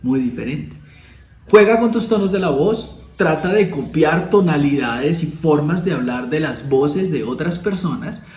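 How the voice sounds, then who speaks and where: A man's voice: on the high side, expressive, measured pace, hardly any pauses, a little mellow, roomy sound, rough recording. A man hosting a video lesson, explaining in a casual tone and acting out tones of voice as examples. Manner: demonstrative, acting out emotional tones of voice. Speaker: video host teaching communication. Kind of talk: casual explanatory talk to camera.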